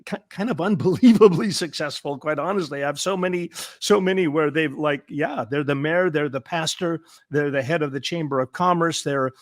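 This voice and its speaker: Earnest male therapist guest, emphatic and repetitive, stammering restarts, slightly high voice, dry close sound. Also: fairly quick, few pauses, no room sound. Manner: earnest and emphatic, repeats words for stress. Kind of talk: conversational interview.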